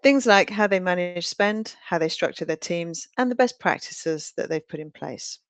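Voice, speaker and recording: Woman host with a low, dry voice. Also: animated, normal speed, dry recording. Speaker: webinar host. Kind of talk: scripted introduction and interview questions.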